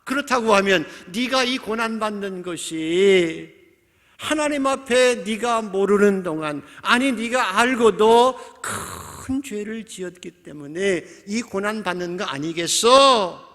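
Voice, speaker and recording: A man's voice: on the high side, measured pace, creaky, fairly bright tone. A male pastor voicing friends who lecture and accuse a suffering man. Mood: lecturing. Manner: scolding, insistent, lecturing. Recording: reverberant church hall.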